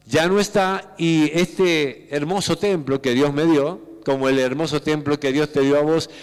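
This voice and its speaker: Male pastor, Rioplatense accent, fairly high voice, sermon with rhetorical questions, reverberant church. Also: clear, resonant tone. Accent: Rioplatense Spanish. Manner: voseo, rhetorical questions, acts out church members. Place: church sanctuary.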